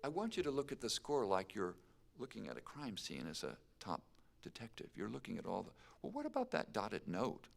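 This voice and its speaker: A man's voice: lowish voice, wildly swooping pitch, a little fast, gravelly. A man teaching a piano masterclass, chatty and full of questions for his students, with piano playing between remarks. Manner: chatty, asks the class questions.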